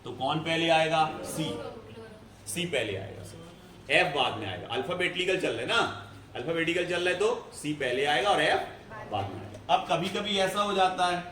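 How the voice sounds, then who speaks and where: A male chemistry teacher lectures a class, explaining things step by step and frequently checking that students are following. His voice sits a little high and sounds animated, bright, and forceful at a moderate pace. The room is echoey with faint ambience.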